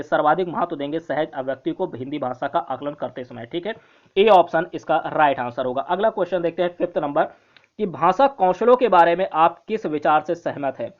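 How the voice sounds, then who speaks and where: An online exam-prep teacher reads each quiz question and its options aloud, then repeats them before giving the answer. The voice sits at a middling pitch and keeps checking in with the viewers. The recording sounds dull and lo-fi.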